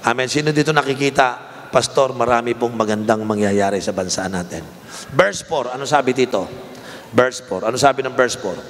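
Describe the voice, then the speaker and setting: A man in his fifties with a Filipino accent preaching a sermon as a bishop, his voice leaping higher on emphatic rhetorical questions. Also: moderate pace, fairly bright tone. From Philippines. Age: 50s. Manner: voice rises sharply in pitch for emphatic rhetorical questions. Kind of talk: sermon mixing Tagalog and English. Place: large indoor arena. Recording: reverberant arena, faint crowd noise.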